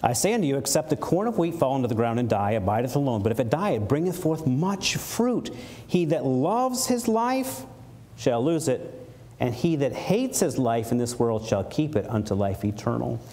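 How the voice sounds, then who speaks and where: A man preaching a sermon in a church, animated, acting out playful mock quotes as he explains a verse. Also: mid-range voice, fairly quick. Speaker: pastor. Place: church sanctuary. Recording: faint background noise from a live stream.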